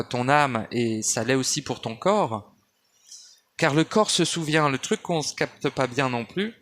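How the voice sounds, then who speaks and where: A man's voice: medium pitch, fairly bright tone. Rambling man musing on spirituality. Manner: digressive, many restarts and fillers, addresses listener as tu. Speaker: spiritual speaker. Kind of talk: rambling spoken monologue. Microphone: handheld phone or basic mic.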